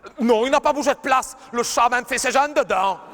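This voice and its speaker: Pitched very high and moving fairly quickly, a man's voice carries over a noisy background as he acts out a nagging middle-aged mother berating her daughter, repeating herself and fussing. It's a stand-up sketch captured with heavy live-arena reverb.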